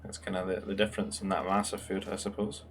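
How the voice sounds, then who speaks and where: Relaxed low-voiced man casting a strategy game. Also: fast, a little hiss or hum. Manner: relaxed, musing, thinks aloud with fillers. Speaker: game caster. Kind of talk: casual esports commentary.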